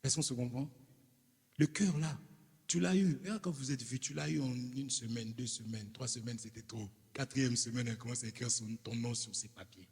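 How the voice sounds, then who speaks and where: A man's voice: medium pitch, normal speed, creaky, darkish tone, slightly rough. A man with a Congolese accent, a preacher delivering an emphatic sermon with rhetorical questions to his congregation in a church hall. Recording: reverberant hall.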